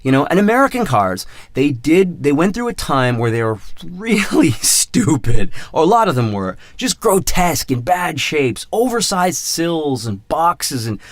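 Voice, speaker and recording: A man's voice: fairly high pitch, sing-song, a little slow, hardly any pauses, no echo. A man in his thirties hosting his own podcast in a casual, rambling monologue, mocking himself and repeating his words. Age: 30s. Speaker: podcast host.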